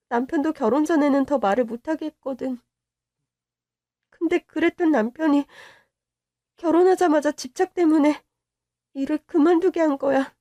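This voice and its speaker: In a radio-drama story, a woman plays a hurt, subdued young wife confiding in her mother, telling it quietly and with resignation. Her high voice stays close to an everyday one, recorded dry and close with no room sound.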